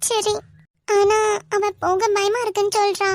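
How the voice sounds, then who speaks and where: Woman voicing a young wife, very high pitch, Kanyakumari Tamil accent, gentle, reassuring, cartoon. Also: level tone, unhurried, no echo, clean studio sound. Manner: soft, caring, reassuring.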